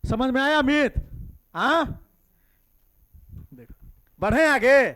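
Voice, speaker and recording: A man's voice: extremely high pitch, takes it slowly, bright, forceful tone. A man with a Bihari Hindi accent teaching a math class, coaxing students with constant questions in a classroom.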